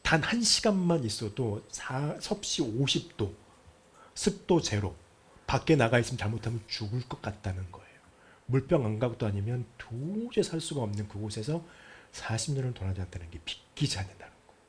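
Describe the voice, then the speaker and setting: Husky Korean pastor, lively storytelling sermon. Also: male voice, medium pitch, moderate pace. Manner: lively storytelling, acts out quotes, drops to near-whispers.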